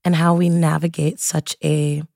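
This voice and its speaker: Husky-voiced woman podcast host. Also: sits low, a little slow, no echo, clean studio sound. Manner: relaxed, colloquial, lists things in rhythmic runs. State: husky after laryngitis. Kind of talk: casual podcast talk.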